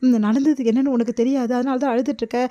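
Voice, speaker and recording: A woman voicing a calm elderly grandfather who gently reassures his upset family. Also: on the high side, fast, lo-fi sound, natural voice. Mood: soothing.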